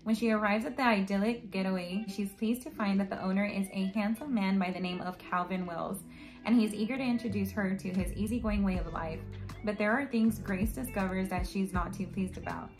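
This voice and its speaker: Speaking fairly quickly in a mid-range voice, a young book vlogger in her twenties reads blurbs aloud and chats about her book haul from her bedroom, with music in the background. She's slightly hoarse and raspy from shouting at a concert, and her chatty talk is full of "like" and "um."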